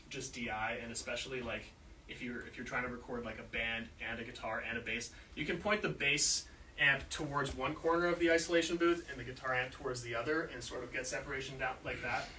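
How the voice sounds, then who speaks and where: A man's voice: mid-range voice, sharp tone, slight background noise. A man showing people around a recording studio, explaining in a loose, rambling way full of filler words. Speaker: studio engineer giving a tour. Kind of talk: casual walkthrough explanation. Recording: roomy sound, mic at a distance.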